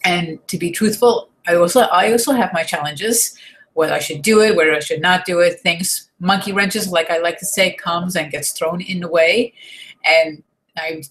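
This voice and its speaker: Sitting at her desk in a home room with shelves, an American woman in her thirties who vlogs about online marketing speaks encouragingly to her webcam, frequently starting sentences over. Her lowish voice is a bit bright, fairly even in intonation, and at normal speed. The audio quality is low.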